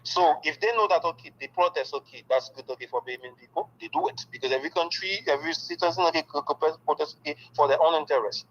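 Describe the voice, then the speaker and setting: A fast talker who barely pauses, this Haitian man speaks natively in a voice on the high side, answering interview questions in an excited, candid, emphatic way and filling his talk with "okay." The recording has its highs cut off and slight background noise.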